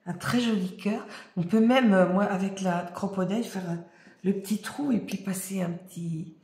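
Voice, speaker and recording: A woman chatting casually as she unboxes craft mail, her voice slightly hoarse and often dropping to a murmur. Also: mid-range voice, normal speed. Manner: soft-spoken, often murmuring to herself. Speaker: crafting vlogger. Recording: echoey room, faint noise.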